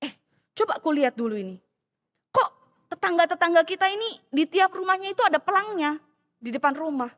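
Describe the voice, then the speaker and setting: A sly, boastful man, once a minibus driver, played by a woman preacher, with a thick Medan accent. He exclaims loudly and then drops into a hushed, conspiratorial tone, his voice very high and swooping. A long church-hall reverb trails every word. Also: lively intonation, a little fast, pauses often. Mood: dazzled.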